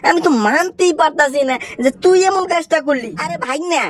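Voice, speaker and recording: A woman's voice: very high-pitched, fairly quick. Woman doing a bossy scolding uncle. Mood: sulking. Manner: scolding, threatening, mock-tearful. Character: bossy maternal uncle, unmarried man. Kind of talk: game fan dub.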